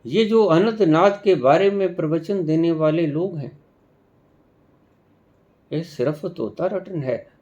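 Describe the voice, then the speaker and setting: A man giving a devotional discourse as a spiritual teacher, speaking in a measured way with long pauses and emphatic stresses. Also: fairly high pitch, a little mellow, muffled recording.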